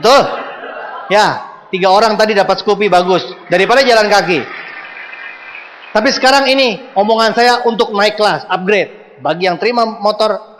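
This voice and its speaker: A man giving a motivational seminar talk to a live audience, animated and joking, speaking to them directly. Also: high voice. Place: large hall with audience. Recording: long hall reverb.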